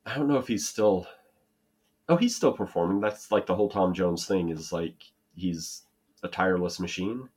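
Sitting low in pitch, this man's voice has a darkish, slightly rough tone and moves at a normal speed. He's co-hosting a laid-back podcast from the United States, wandering off track, joking at his own expense, and frequently restarting.

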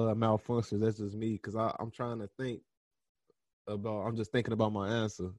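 A young man hosting a podcast, answering interview questions in a relaxed, slangy way, often pausing and restarting as he thinks aloud. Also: medium pitch, no echo. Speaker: podcast host being interviewed. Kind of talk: casual interview conversation.

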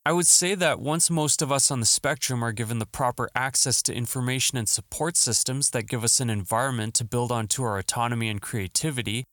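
In a dry recording from his home studio, a man hosts a solo podcast while getting over the flu, his throat still scratchy. His mid-range voice has a fairly bright tone, and he comes across as upbeat and earnest.

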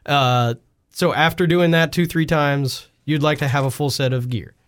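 A man co-hosting a casual gaming podcast, calmly steering the talk with questions while his co-host rants. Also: on the high side, normal speed, smooth. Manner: calm, steering questions, amused.

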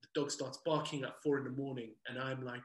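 A man telling a story as a guest, animated, acting out his own past lines and swearing casually. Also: mid-range voice, brisk. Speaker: guest, dog trainer. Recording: roomy echo.

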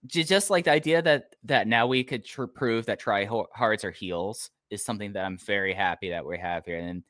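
A man's voice: fairly low pitch, moderate pace, a bit bright, dry recording, studio quality. Rambling Appalachian man on a podcast. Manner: self-deprecating, rambling. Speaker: podcast co-host. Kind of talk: casual chat.

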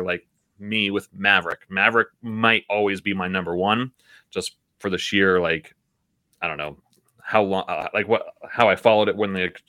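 A man's voice: fairly low pitch, bright, forceful tone, dry recording. A man co-hosting a podcast in an easygoing, conversational way. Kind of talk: casual podcast chat.

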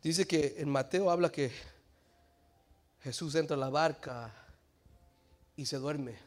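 A male pastor preaching a sermon, swinging between low quiet passages and shouted climaxes, acting out quoted dialogue, with frequent restarts on words. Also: slow. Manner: stumbles and restarts on words, switches briefly to English.

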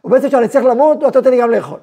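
A man teaching a Torah class as a rabbi, telling a story and acting out its voices with emphatic, lively delivery. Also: very high-pitched, husky. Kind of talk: animated Torah lesson with storytelling.

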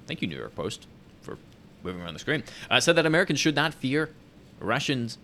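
A man's voice: mid-range voice, big pitch swings, a little fast, sharp tone, a little hiss or hum. A man co-hosting a casual chat, reading news headlines aloud and adding wry joking asides.

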